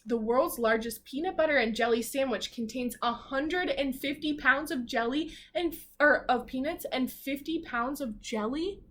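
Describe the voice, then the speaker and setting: Her voice sits high and a little bright as this woman teacher reads a children's book aloud at normal speed, barely pausing. She reads expressively to her pupils, adding chatty asides and asking them questions directly.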